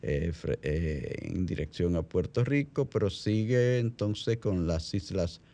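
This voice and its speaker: Deep, slow Dominican male radio host. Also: expressive, creaky, warm tone. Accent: Dominican Caribbean Spanish. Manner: halting, repeats phrases as he explains. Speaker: radio talk show host. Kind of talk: unscripted radio chat.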